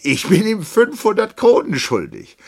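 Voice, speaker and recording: Give me a man playing a slurring, loud drunk army captain in a radio reading. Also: mid-range voice, sing-song, unhurried, slightly rough, pitched above the performer's own voice, heavily acted. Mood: drunk, insistent.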